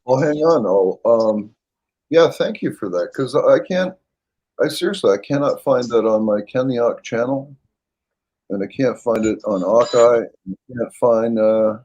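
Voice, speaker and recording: Middle-aged man, mid-pitched, rambling and apologetic, livestream host on a webcam. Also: a little slow, darkish tone, dull audio. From Canada. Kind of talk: casual chat.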